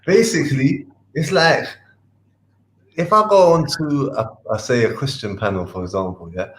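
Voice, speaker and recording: A man, a panel guest explaining casually in a polite, halting way. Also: mid-range voice, low-quality recording.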